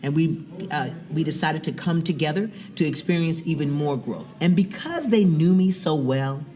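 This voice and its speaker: A middle-aged woman, a business owner, talking as a guest in a casual interview, animated and often repeating words as she starts a thought. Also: sits low, normal speed.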